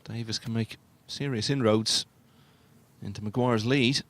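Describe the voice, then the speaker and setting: A man commentating on snooker in a hushed, measured, understated and analytical way. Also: mid-range voice, steady tone.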